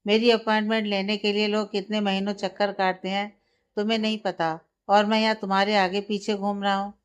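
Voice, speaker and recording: A serious young lawyer, read by a woman narrator, keeping his irritation in check as he talks firmly. The voice is clear and smooth, close to the reader's own. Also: mid-range voice, level tone, brisk, close to an everyday voice. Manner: firm, restrained irritation. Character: serious, short-tempered young male lawyer.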